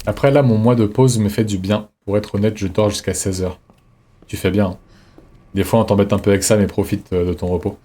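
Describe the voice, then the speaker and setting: A man streaming a game live, thinking aloud in a relaxed, reflective way as he chats with his viewers. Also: lowish voice, fairly quick. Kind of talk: live gameplay commentary, chatting with viewers.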